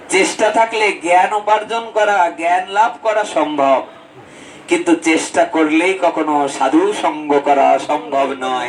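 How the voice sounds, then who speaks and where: A man giving a devotional sermon as a storytelling preacher, swinging between high exclamations and low asides. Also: distant mic, a little hiss or hum, rough recording. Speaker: Bhagavat preacher.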